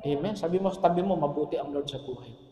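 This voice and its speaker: High-voiced pastor preaching in an echoey hall. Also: male voice, fast. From Philippines. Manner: animated preaching, often asks the congregation "Amen?". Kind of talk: sermon. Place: church worship hall. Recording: echoey church hall with long reverb.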